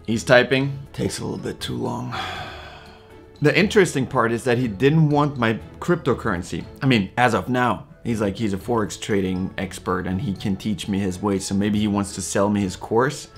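A man's voice: on the low side, moderate pace, creaky. Playful man chatting over faint music. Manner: playful, mock-enthusiastic, reads messages aloud. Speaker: video creator. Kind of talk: casual vlog commentary.

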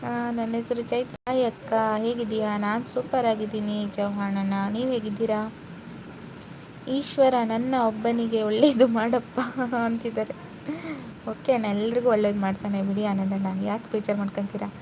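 A woman's voice: a little high, flat delivery, normal speed. A young woman hosting a casual live stream, reading out viewer comments and chatting with them. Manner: chatty, warm greetings to viewers, mixes English words. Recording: noisy phone live stream.

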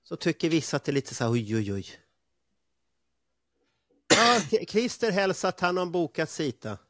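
A man's voice: high voice, sing-song, fairly bright tone, no echo, studio quality. A man hosting a live podcast in a chatty, upbeat manner. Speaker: podcast host. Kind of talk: casual live podcast chat.

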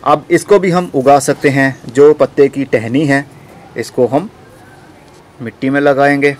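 Out in a rooftop garden, a gardening channel host explains a how-to step by step in an informal way. His medium-pitched voice is steady and a little slow, with a touch of background noise.

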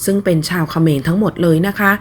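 A woman's voice: fairly low pitch, quick pace, husky. Woman reading online news politely. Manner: polite, steady read-aloud delivery with soft sentence-final particles. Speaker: news narrator. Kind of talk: scripted online news narration.

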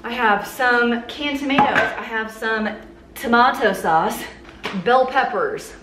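A woman's voice: on the high side, slow pace. A woman in her thirties talking casually and cheerfully while she cooks in her home kitchen, with joking asides. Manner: chatty, upbeat, self-joking asides. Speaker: cooking vlogger. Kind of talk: casual kitchen vlog talk. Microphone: camera on counter at mid distance. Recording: echoey kitchen with faint noise.

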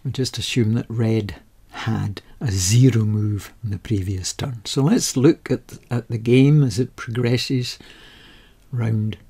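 Slow, gravelly, mellow-voiced man explaining. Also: mid-range voice. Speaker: game rules explainer.

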